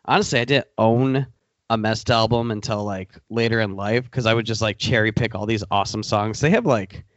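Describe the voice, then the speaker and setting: Lower-voiced laid-back man podcasting. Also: brisk, no room sound, dull audio. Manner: laid-back, steers the show along. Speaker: podcast co-host. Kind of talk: casual chat.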